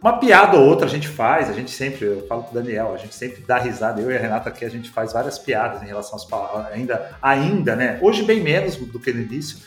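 A man's voice: mid-range voice, expressive, a little fast, hardly any pauses, soft background music. Brazilian man hosting in a roomy echo. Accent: Brazilian Portuguese. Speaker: podcast host. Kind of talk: interview questions, casual talk.

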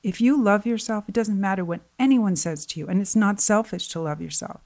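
A woman's voice: mid-range voice, fairly quick. A middle-aged woman guesting as a life coach, talking earnestly in a conversational interview, her voice tiring. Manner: earnest, animated when quoting others. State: voice getting tired.

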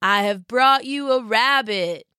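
Woman doing a gentle, soft-spoken turtle. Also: fairly high pitch, slow pace, smooth, no echo, clean studio sound. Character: gentle, guilty male sea turtle.

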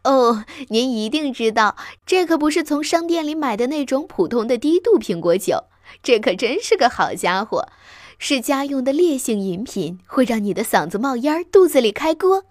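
An eager little fox cub, young and excitable, high-pitched and breathless, as a woman storyteller puts him on. The voice bounces all over, recorded dry and close. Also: normal speed, no echo. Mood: gasping.

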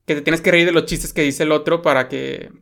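Mexican guy rambling about a movie, kinda high voice, super clear. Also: fairly even intonation, brisk, a bit bright. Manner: rambling, many fillers and tag questions. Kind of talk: casual film discussion.

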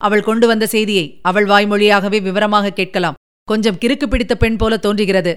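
A woman voicing a calm, composed young prince who speaks gently and without hurry. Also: mid-range voice, fairly quick, clear, resonant tone, close to an everyday voice.

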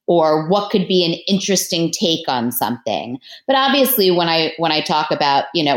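A woman author chatting as a podcast guest, telling about her books in a relaxed, talkative way and laughing easily. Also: lowish voice, echoey room. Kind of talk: casual podcast interview.

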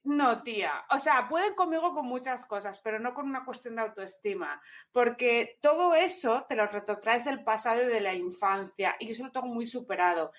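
A woman's voice: fairly high pitch, a bit bright. A woman in casual chat, blunt and outspoken, swearing freely and talking over the others.

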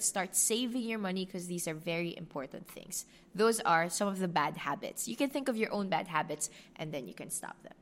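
A woman's voice: mid-range voice, fairly bright tone. A woman in her twenties with a Filipino accent, hosting a solo advice podcast in an earnest, direct way and slipping in Tagalog words. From Philippines. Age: 20s. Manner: earnest, talks straight to the listener, mixes in Tagalog words. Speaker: podcast host.

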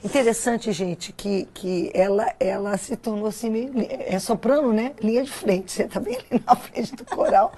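A woman's voice: medium pitch, lively intonation, normal speed, hardly any pauses, warm tone, slight background noise. A woman pastor hosting a church talk show, chatting with a guest and offering encouraging affirmations. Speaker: pastor and host. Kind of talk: interview chat.

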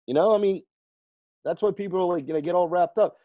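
A man who coaches firefighters on fitness, telling stories in an interview, lively and laughing often as he acts out the people he quotes. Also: high-pitched, quick pace, no room sound, muffled recording. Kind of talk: storytelling in a conversational interview.

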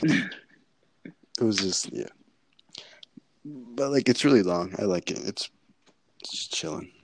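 A man's voice: fairly low pitch, animated, slow, dry recording. A teenage boy chatting on a video call from home, giggly and rambling, sometimes dropping to a whisper. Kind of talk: casual chat. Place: at home, indoors.

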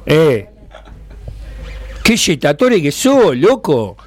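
A man with a Rioplatense Spanish accent hosting a casual, jokey fan radio show, fast-talking and excitable. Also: a little high.

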